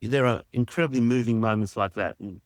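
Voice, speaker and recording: Man, charity head, measured and earnest, lowish voice, dry close mic. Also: dry recording. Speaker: charity president. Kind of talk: interview answers.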